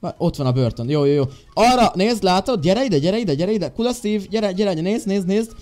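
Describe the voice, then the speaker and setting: A young Hungarian man playing Minecraft for viewers, ordering a game character around in a loud, bossy tone and chatting between commands. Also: sits high, animated. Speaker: gaming youtuber. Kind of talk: Minecraft role-play let's play. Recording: light music behind.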